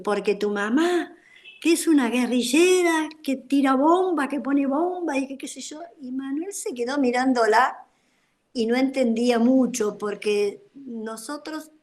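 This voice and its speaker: An older woman with an Argentine accent giving a personal testimony in an online talk, telling her story in a rambling way with many fillers. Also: mid-range voice. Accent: Argentine Spanish. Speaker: guest speaker, former activist.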